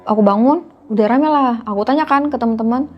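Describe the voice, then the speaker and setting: A woman's voice: fairly high pitch, fairly quick, dull audio, faint music behind. A young woman, telling a horror story casually to a host, often addressing the host as "Kak". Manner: chatty, keeps addressing the listener as "Kak". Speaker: guest storyteller.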